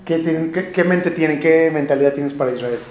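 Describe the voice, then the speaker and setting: A man with a somewhat high voice lectures to a class, working through each point and asking questions back to keep the students with him. The recording carries the echo of a roomy classroom. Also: fairly quick, a little mellow. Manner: explanatory, checks in often with rhetorical questions. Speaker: teacher.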